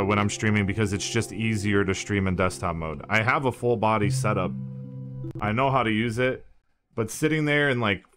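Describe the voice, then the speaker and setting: Lower-voiced male streamer, casual. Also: a bit bright. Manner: chatty, swears casually, gives guided tour.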